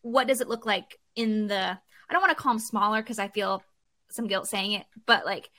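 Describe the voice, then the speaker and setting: A woman's voice: mid-range voice, moderate pace, sharp tone. A woman hosting a podcast, asking long, chatty, rambling questions and giving frequent affirmations. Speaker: podcast host. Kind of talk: conversational podcast interview.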